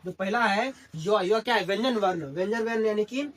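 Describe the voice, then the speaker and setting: A man's voice: high voice, brisk. Man teaching, quizzing himself. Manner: constantly asks and answers his own questions. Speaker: English grammar teacher. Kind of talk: classroom lesson in Hindi.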